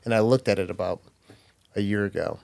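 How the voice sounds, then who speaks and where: A man's voice: lowish voice, a little fast, vocal fry, darkish tone, dry recording, studio quality. Encouraging male podcast host. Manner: encouraging, brief affirmations. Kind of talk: casual interview.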